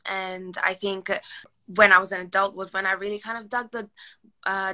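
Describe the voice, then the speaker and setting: A young Australian woman, a podcast guest, talking in a reflective, soft-spoken way. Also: mid-range voice, gravelly. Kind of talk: casual chat.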